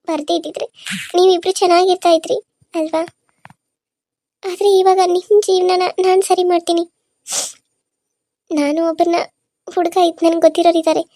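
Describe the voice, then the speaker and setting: A woman voicing a gentle, persuasive young wife. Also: extremely high pitch, no room sound. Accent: Kannada. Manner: gentle, reassuring, earnest. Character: young married woman, calm and persuasive, caring. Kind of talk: cartoon serial voice acting.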